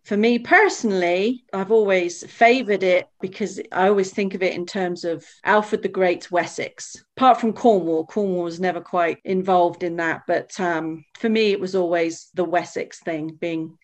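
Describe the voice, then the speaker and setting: A woman's voice: fairly low pitch, steady tone, normal speed, hardly any pauses. A woman guest on a podcast, chatting casually and sometimes searching for words. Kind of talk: casual chat.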